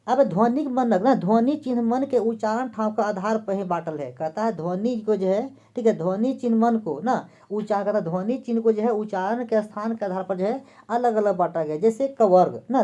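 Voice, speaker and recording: A woman's voice: fairly high pitch, warm tone. A woman teacher giving an exam-prep lesson. She asks a question, then answers it herself and repeats the key terms. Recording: dull lo-fi recording.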